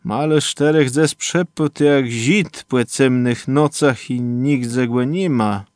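A man's voice: medium pitch, takes it slowly, a little mellow, dry recording, studio quality, natural voice. A man voicing a grave, knowing older man who warns of doom in an urgent tone.

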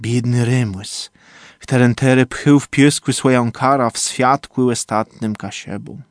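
A man narrating a first-person story in a measured, low-key way. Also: steady tone, no room sound, studio quality.

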